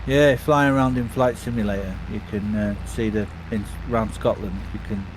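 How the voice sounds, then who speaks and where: A man chatting casually while gaming, relaxed and hesitant with many fillers. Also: fairly low pitch, normal speed, noisy background. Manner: laid-back, hesitant with many ums. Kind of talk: casual chat.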